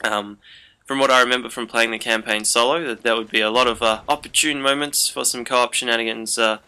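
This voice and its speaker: Young male gaming host, very bright and forceful tone, chatty and meandering delivery. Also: mid-range voice, fairly even intonation, brisk, clear, resonant tone. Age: young adult. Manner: rambling, chatty storytelling with many fillers. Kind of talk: casual commentary over gameplay.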